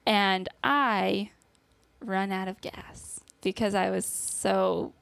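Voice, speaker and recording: A woman's voice: mid-range voice, steady tone, slow, creaky, fairly bright tone, dry recording. A young woman guest on a podcast, telling a personal story in casual conversation, laughing nervously and acting out what people said. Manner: acts out quoted dialogue.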